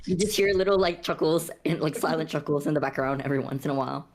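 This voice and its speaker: A woman in a tabletop role-playing game with a very low-pitched voice, amused and chuckling. Clear crowd noise can be heard behind her. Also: fast. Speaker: player. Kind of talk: casual tabletop role-play chat.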